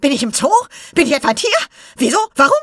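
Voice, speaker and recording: A woman's voice: expressive, fast talker, no echo, clean studio sound. A woman voicing a wild, bouncy blue ball creature that shrieks in frantic confusion. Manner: shrill, frantic, loud.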